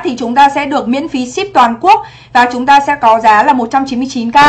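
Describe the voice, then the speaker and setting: A woman's voice: high voice, fairly bright tone. A young adult woman from Vietnam teaching English on a livestream exam review, chatty and constantly checking in with rhetorical questions.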